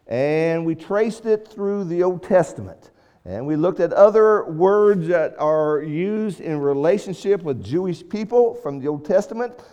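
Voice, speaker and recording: A man preaches to a congregation in a relaxed, conversational way. He doubles back on phrases as he talks. His fairly high voice carries a long hall reverb from the church room. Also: clear, resonant tone. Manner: conversational, repeats and restarts phrases. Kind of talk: sermon lesson to a congregation. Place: church auditorium.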